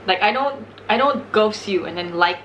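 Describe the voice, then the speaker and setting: A woman's voice: mid-range voice, lively intonation, normal speed, fairly bright tone, slight background noise, rough recording. Candid young woman chatting, swears freely. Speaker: mukbang video host. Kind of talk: casual real-talk chat over a meal.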